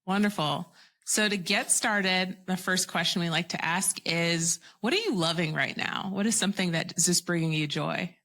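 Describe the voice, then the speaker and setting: Bright-voiced, enthusiastic female podcast host. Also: lowish voice, moderate pace. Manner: enthusiastic and encouraging. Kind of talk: casual interview chat.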